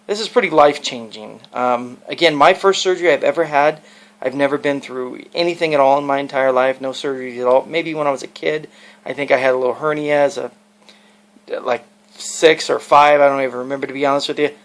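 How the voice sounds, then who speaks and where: Man, casual vlog monologue, gravelly creaky voice, rambling, earnest, advice-giving. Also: medium pitch, a little fast. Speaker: video blogger.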